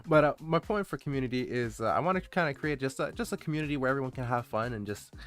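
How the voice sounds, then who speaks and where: A man's voice: medium pitch, fast, fairly bright tone, smooth. A man chatting casually on a livestream, rambling and hesitant as he answers his viewers and gets easily distracted. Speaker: streamer, VTuber introducing his channel. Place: indoor streaming setup, background music behind the voice.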